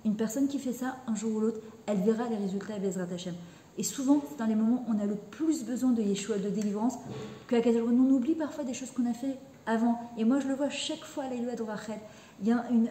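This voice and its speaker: A woman's voice: on the high side, warm tone, roomy sound, a little hiss or hum. A middle-aged woman giving an earnest, heartfelt spoken religious lesson, slipping Hebrew terms into her talk. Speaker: religious teacher.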